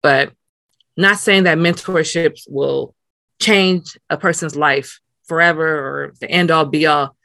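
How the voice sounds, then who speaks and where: A woman's voice: deep voice, pushed and bright, no room sound. A young adult woman answering interview questions, earnest, often repeating words as she searches for them. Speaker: interview guest, nonprofit worker. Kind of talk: casual interview conversation.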